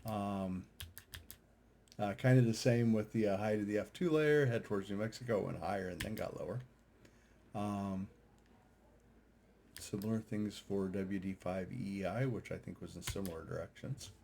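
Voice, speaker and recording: The amateur radio operator and video host speaks in a lowish, creaky, dark-toned voice at normal speed, leaving long pauses. His casual screen-share commentary on data charts is unscripted and hesitant, as if he's thinking aloud, and there's a bit of hiss or hum.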